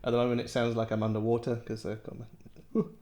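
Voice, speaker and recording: A man's voice: medium pitch, completely flat delivery, fast, darkish tone. A man in his thirties from Wales, reviewing headphones in a rambling, chatty way in a home office. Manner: rambling, chatty, self-interrupting with laughs. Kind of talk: casual product review. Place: home office with window and plants.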